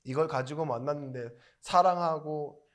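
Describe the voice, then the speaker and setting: A male pastor preaching a sermon in a chatty storytelling way. He asks the congregation questions and rises into loud emphatic bursts. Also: a little high, normal speed.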